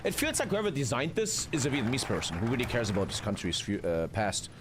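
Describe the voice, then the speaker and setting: A man's voice: medium pitch, animated, fast talker, background noise. A man, streaming a strategy game live, chatting with his viewers and swearing casually. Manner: swearing, chatty, reading chat aloud. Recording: faint music behind.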